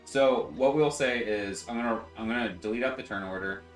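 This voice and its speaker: A man's voice: medium pitch, fairly quick. A man running a tabletop game as game master, narrating with lots of fillers. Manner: relaxed, filler-heavy narration. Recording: roomy echo, faint music.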